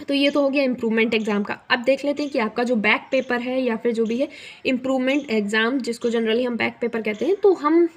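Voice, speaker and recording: A woman's voice: on the high side, a little fast. A young woman hosting an explainer video, talking conversationally with frequent fillers and words mixed in. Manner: conversational, many fillers, mixes English words into Hindi. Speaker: student guidance youtuber.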